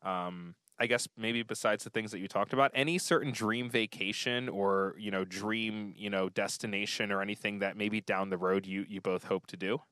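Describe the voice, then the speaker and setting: A man's voice: lowish voice, steady tone, moderate pace, hardly any pauses, a bit bright, clean tone, no echo. A man in his thirties hosting a casual interview, effusive and chatty, full of fillers and restarts. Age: 30s. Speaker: podcast host.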